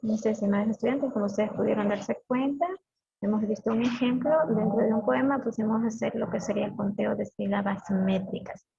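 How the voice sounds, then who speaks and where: A woman's voice: mid-range voice, fairly even intonation, brisk, vocal fry, warm tone. A woman teacher leading a live class, addressing her students formally and politely. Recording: dull muffled sound with crowd noise.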